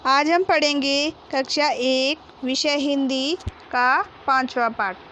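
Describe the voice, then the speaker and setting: A woman's voice: sits high, steady tone, slow pace, a bit bright, slight background noise. A woman teacher giving a children's reading lesson, spelling out words and drawing out each syllable, saying every word twice. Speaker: primary school teacher.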